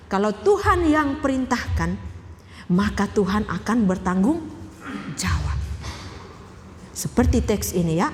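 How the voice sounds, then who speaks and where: A woman's voice: high voice, big-room sound, slight background noise. A woman pastor giving a sermon. She speaks emphatically, asks the congregation questions and repeats key phrases.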